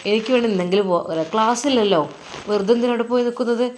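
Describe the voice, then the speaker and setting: A woman voicing a young male madrasa teacher with a Malappuram accent, who talks calmly and asks plain questions. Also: on the high side, racing, slight background noise, close to an everyday voice. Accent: Malappuram Malayalam.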